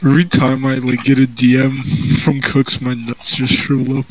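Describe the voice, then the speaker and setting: A young man in casual voice chat banter, making deadpan, joking jabs. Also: medium pitch, normal speed, a little hiss or hum, rough recording.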